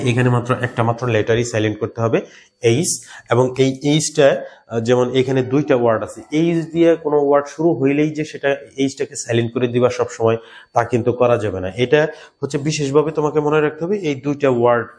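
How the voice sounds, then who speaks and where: A man's voice: medium pitch, a little mellow. Patient Bangladeshi man teaching pronunciation. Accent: Bangladeshi Bengali. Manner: patient, repeats key words, slows to pronounce examples. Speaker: English teacher. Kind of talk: explaining a grammar lesson.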